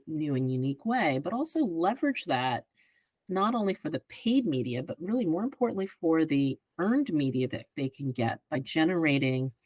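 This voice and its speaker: A woman in her fifties, a guest on a podcast, explaining her work in a measured way and often checking in with "right?". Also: sits low, no echo, low-quality recording. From greater Philadelphia area. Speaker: advertising executive guest. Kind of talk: podcast interview answers.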